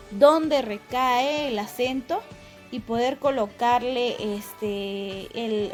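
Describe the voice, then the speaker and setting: A woman, teaching a primary school class and patiently explaining step by step, repeating words slowly. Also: on the high side. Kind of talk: recorded class lesson.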